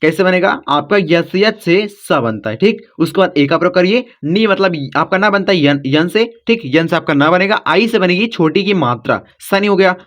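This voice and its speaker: Patient man spelling words slowly. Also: sits high, lively intonation, a bit bright. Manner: patient, repeats "ठीक?" after each step; spells names slowly letter by letter. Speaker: English teacher. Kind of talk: blackboard lesson for children. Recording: dull lo-fi audio.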